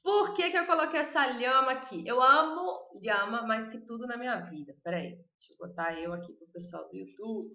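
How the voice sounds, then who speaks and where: A Brazilian woman teaching Spanish in a live online lesson, chatty and drilling words slowly, with a Brazilian accent. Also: fairly high pitch, lively intonation, pushed and bright. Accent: Brazilian Portuguese. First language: Portuguese. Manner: chatty, repeats words slowly for students to copy. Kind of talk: live online lesson, reading chat questions. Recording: echoey room, dull lo-fi sound.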